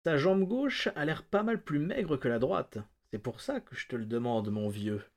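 A man's voice: a little high, animated, moderate pace, darkish tone. A man doing a silky, mocking devil of a stranger. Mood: taunting. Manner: silky, taunting, mock-friendly. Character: sinister, mocking male stranger with false warmth. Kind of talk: audiobook-style reading.

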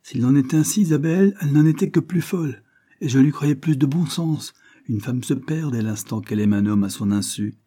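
A man reading aloud, voicing a gentle, dignified husband who speaks gravely to his wife. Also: mid-range voice, a little fast, voice pushed up, natural voice. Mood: earnest.

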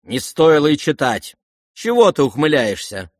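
A man voicing an irascible aristocratic older woman who scolds and shouts imperiously in an audiobook. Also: on the high side, very animated, measured pace, no room sound, studio quality, pitched above the performer's own voice. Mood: scornful. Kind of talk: audiobook character voice.

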